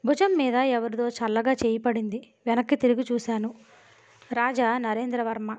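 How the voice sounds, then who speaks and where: Expressive woman narrating a novel. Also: fairly high pitch, moderate pace. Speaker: audiobook narrator. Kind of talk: dramatic novel reading. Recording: dull lo-fi audio.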